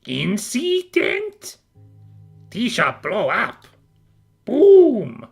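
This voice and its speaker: Raspy, creaky little kobold. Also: female voice, medium pitch, wildly swooping pitch, drawn-out words, soft background music, heavily acted. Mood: blunt, matter-of-fact. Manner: clipped broken speech in short bursts. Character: small, curt, shifty kobold servant. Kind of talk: fantasy video game character acting.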